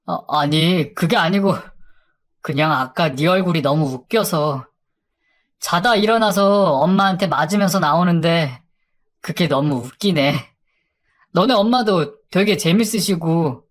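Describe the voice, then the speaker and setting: A woman's voice: lowish voice, measured pace. A laid-back young man , voiced by a woman storyteller in nearly her own voice, teasing with a casual grin in his words. He speaks loosely and plainly, never raising his voice. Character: goofy, easygoing young man who teases.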